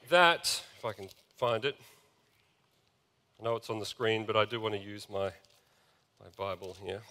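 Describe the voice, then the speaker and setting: In a church sanctuary with the long reverb of a large hall, a pastor with a slightly bright voice on the high side preaches earnestly. He reads scripture aloud and calls out to the congregation, asking for amens.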